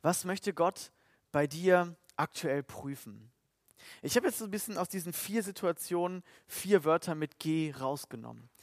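A man preaching a sermon in German, earnest and emphatic, sometimes breaking into loud outbursts. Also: on the high side, expressive, measured pace, no room sound, studio quality. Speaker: pastor.

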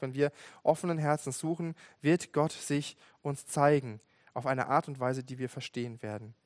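A man's voice: a little high, no room sound, studio quality. Earnest young man preaching casually. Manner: conversational, earnest, with fillers and restarts. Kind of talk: sermon.

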